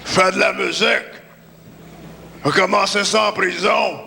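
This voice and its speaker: A comedian playing Pancho, a brash male ex-convict musician with a gravelly voice, on a theater stage with an audience. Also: high voice, fairly even intonation, normal speed. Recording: reverberant hall, crowd noise, stage mic.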